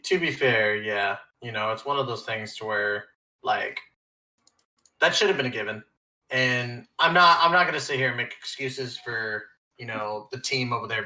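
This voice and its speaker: A man's voice: medium pitch, bright, forceful tone, echoey room, low-quality recording. A man on a podcast panel, rambling and hedging his points in a casual chat, and laughing easily.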